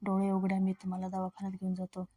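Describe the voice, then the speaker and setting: A woman's voice: medium pitch, completely flat delivery, quick pace, mellow, lightly acted. A woman reading a frantic loyal helper lad. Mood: pleading. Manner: pleading, mixing in Hindi phrases. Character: loyal young male helper, frantic and pleading.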